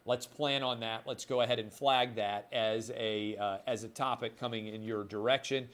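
A man's voice: medium pitch, steady tone, moderate pace, fairly bright tone. A middle-aged man hosting a solo opinion podcast, talking emphatically and indignantly, with sarcastic asides. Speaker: podcast host.

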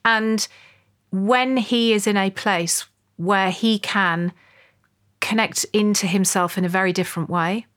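A woman psychologist on a podcast explaining a case in a thoughtful, measured, earnest way. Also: medium pitch, steady tone, fairly bright tone. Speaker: psychologist co-host. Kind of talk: conversational explanation.

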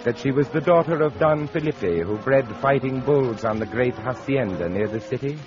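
An actor playing a graying, fatalistic writer near fifty, narrating an old radio drama in a literate, melodramatic way. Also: male voice, mid-range voice, moderate pace, lightly acted. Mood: wistful, ominous. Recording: dull lo-fi old radio recording. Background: prominent music.

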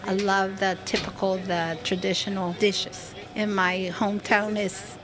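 A woman working as a live interpreter voice, putting a Spanish speaker's words into English in a halting way, with fillers and restarts. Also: mid-range voice, level tone, a crowd in the background. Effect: live interpreter voice, rendering a Spanish speaker's words into English. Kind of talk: consecutive spoken interpretation.

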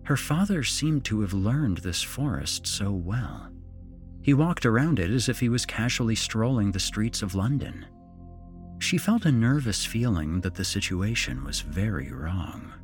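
Deep slow-talking male horror narrator. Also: lively intonation, faint music behind. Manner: slow, dramatic, measured delivery. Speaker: storyteller.

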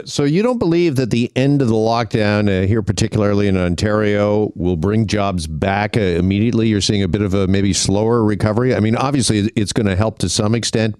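Low-voiced male radio host. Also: a little mellow, smooth, no echo, clean studio sound. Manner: brisk, conversational questioning. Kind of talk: radio interview. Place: radio studio. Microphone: studio microphone.

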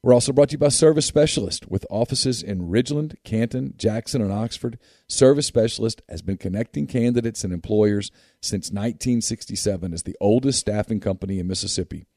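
A man's voice: lowish voice, a little fast, hardly any pauses, warm tone, dry recording, studio quality. A man, hosting a sports podcast with sponsor reads and casual talk.

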